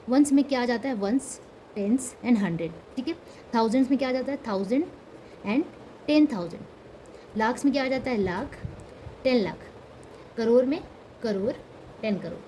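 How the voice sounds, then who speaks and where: A woman's voice: fairly high pitch, dark tone, a little hiss or hum, poor audio. A woman teaching a lesson, explaining step by step, asking questions and repeating key words, with English number words mixed into her speech.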